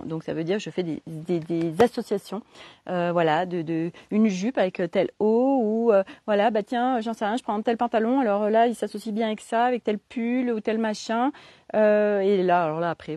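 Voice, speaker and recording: A woman chats casually on a live stream, stumbling through fillers and restarts in loose, slangy speech. Her voice is mellow and soft-edged, in a middle pitch for a woman. The sound is dry and close. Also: no room sound. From southern France. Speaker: holistic coach.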